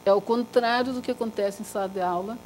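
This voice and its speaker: A woman teacher leading a live Suzuki violin workshop, lively and demonstrative, chanting body parts in rhythm with the group. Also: quick pace, a little hiss or hum. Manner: lively and demonstrative, drops to a soft low voice to make a point. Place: workshop room with a group of students.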